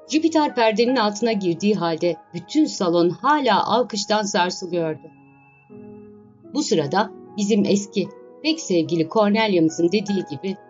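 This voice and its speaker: Woman narrating a novel, lo-fi recording. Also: mid-range voice. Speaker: audiobook narrator. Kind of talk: scripted narration of a classic novel. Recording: dull lo-fi recording with faint music.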